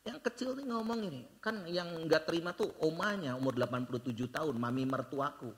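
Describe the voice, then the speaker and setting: An older man preaching a sermon as pastor, telling stories and slipping English phrases into his talk, swinging between loud bursts and hushed low passages. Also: brisk. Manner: mixes in English phrases, storytelling.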